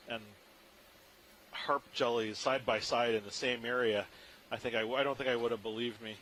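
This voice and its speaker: A man giving live, unscripted commentary as a scientist on a deep-sea dive, marveling and musing as he goes. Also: a bit bright. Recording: clearly noisy live control-room audio feed.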